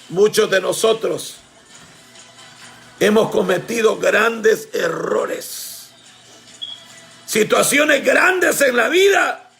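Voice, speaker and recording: A man preaching a sermon with fervor, often shouting and calling on his congregation as brothers. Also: very high voice, creaky.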